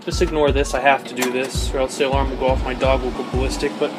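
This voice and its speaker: A man's voice: medium pitch, level tone, fast, rough recording. A young man making a casual cooking vlog at home, joking and mocking himself. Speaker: YouTuber. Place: home kitchen. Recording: music playing underneath.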